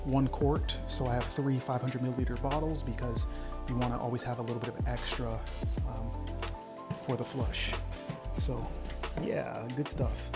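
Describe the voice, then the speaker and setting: A man's voice: mid-range voice, flat delivery, normal speed, over loud music. A man talking casually as a car vlogger, in an easygoing way, thinking aloud as he goes. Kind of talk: casual vlog chat.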